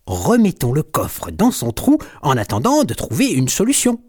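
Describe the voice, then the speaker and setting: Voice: medium pitch, huge pitch swings, normal speed, darkish tone, husky, pitched above the performer's own voice. A storyteller voicing a greedy, boastful boy kitten in a storybook. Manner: gleeful, possessive. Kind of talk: storybook reading.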